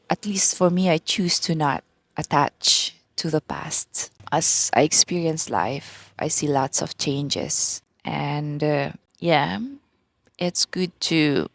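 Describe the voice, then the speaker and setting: A woman in her thirties with a Filipino accent, speaking slowly and gently in a soft-spoken ASMR talk, with pauses and restarts. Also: sits low, gravelly, dry recording. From Philippines. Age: 30s. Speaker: ASMR vlogger.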